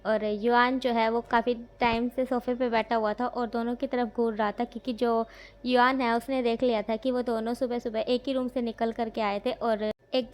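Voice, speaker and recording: A woman's voice: a little high, a little mellow. Casual woman retelling a love story. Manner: casual, many fillers and self-corrections. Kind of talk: retelling fan fiction.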